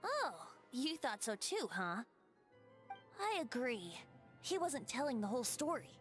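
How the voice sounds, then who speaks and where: A woman voicing a playful, breezy companion in a video game, light, teasing and gently dry. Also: high-pitched, sing-song, a little slow, faint music behind, exaggerated voice. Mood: musing.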